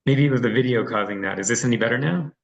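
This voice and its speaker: A man's voice: medium pitch, rapid-fire, creaky, rough recording. A man giving a friendly, loose online presentation over a video call, as a reserve director, with frequent ums. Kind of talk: online presentation with screen sharing.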